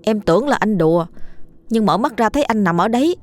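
A woman's voice: fairly low pitch, expressive, fairly quick, darkish tone, husky. A woman voicing a timid teenage village boy who stammers in panic in a ghost story. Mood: pleading.

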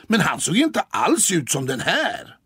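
Audiobook: man doing a shy, admiring she-cat, husky, soft-spoken. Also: on the high side, huge pitch swings, no room sound, studio quality, exaggerated voice.

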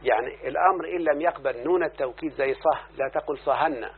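A man's voice: fairly high pitch, fast talker, breathy edge. Egyptian man teaching grammar over a tinny line. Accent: Egyptian Arabic. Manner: explains verses and checks in with his student. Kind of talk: classroom lesson on grammar. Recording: lo-fi phone-like recording with faint hiss.

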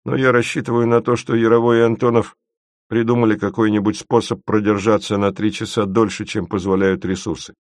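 A stern but restrained chief who weighs his words calmly, voiced by a man. The tone is very low and the recording is dry. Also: no echo, natural voice. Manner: restrained, measured. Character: calm, reserved, stern male flight chief. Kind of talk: audiobook reading.

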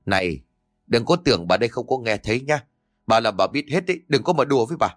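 A man voicing a stout, hot-tempered middle-aged village woman, scolding loudly and fast. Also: medium pitch, lively intonation, lightly acted.

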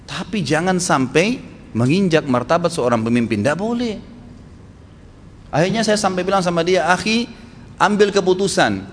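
A man's voice: sits high, animated, normal speed, pauses often, slight background noise. A male Islamic preacher giving a stern, emphatic sermon. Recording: hall reverb with faint ambience.

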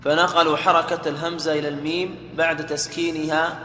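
A man reads a classical text aloud in a steady, formal recitation. His voice is bright and slightly high, with very little rise and fall. The sound is roomy, like a hall with long reverb. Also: brisk. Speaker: student reading the text aloud. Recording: echoey hall with faint noise.

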